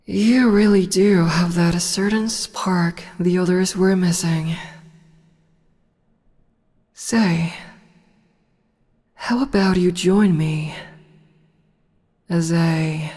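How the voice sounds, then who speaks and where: A woman voice actor plays a regal demon empress in an ASMR audio roleplay, purring teasing taunts in a low, mellow, soft voice with whispered asides. Amused and regal, she speaks very slowly, lingering on each word, and her voice trails into a long reverb.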